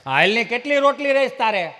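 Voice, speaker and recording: Guy doing folk comedy on stage, pretty high voice, acts out the family bits. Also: fairly quick, a little hiss or hum. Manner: animated, acts out family characters. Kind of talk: live folk comedy storytelling. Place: live stage event with audience.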